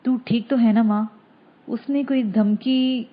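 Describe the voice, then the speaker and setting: A woman's voice: on the high side, fairly even intonation, lo-fi sound, voice pushed up, lightly acted. A woman voicing a hot-tempered young man who speaks bluntly and angrily. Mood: worried. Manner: angry, blunt.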